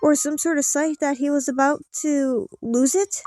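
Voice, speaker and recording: A woman's voice: sits high, steady tone, normal speed, darkish tone. A woman playing through a story game, reading the dialogue aloud theatrically with casual asides. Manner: theatrical, acting out character lines. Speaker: let's play streamer.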